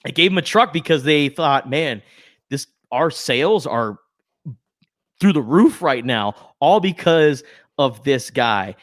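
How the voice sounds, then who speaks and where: A man's voice: a little high, expressive, unhurried, a bit bright, no echo. Easygoing male podcast host who chuckles a lot, dry studio sound. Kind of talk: casual chat.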